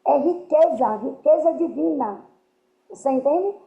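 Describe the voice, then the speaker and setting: A woman's voice: high-pitched, expressive, a little slow, creaky, warm tone. A woman giving earnest spiritual teaching to a group, often checking that her listeners understand. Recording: roomy, dull lo-fi sound.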